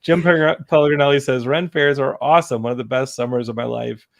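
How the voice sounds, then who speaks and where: Gravelly man telling a jokey story. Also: mid-range voice, steady tone, quick pace, no echo, studio quality. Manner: jokey storyteller, mimics people in silly voices. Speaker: podcast co-host. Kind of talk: casual chat.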